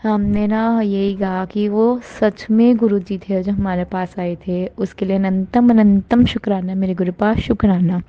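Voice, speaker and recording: A woman telling listeners about her devotional experiences in a casual, earnest and grateful way, often rising with excitement. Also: medium pitch, unhurried, hardly any pauses, dull audio. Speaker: devotee sharing a testimony. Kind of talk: casual spoken testimony.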